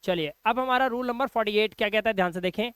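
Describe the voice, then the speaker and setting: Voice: mid-range voice, fast talker, a bit bright, clear, resonant tone, no echo. An English pronunciation teacher giving an online video lesson, explaining rules step by step and asking and answering their own questions, and fondly addressing the learner as a child.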